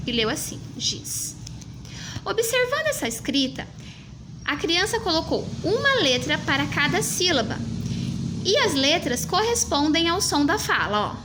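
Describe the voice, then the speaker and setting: A woman teacher explaining a classroom writing assessment, slowly sounding out words as she goes. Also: very high voice, sing-song, noisy background.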